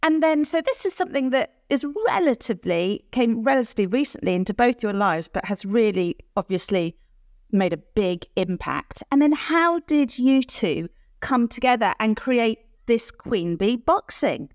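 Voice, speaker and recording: A woman's voice: on the high side, big pitch swings, normal speed, darkish tone, dry recording, studio quality. A woman hosting an interview, openly impressed and apologising for interrupting her guests.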